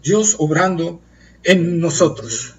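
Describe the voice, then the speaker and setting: A man preaching a Bible study sermon, earnest and emphatic, slowing down to stress key phrases. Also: fairly high pitch, animated, darkish tone, distant mic, dull audio.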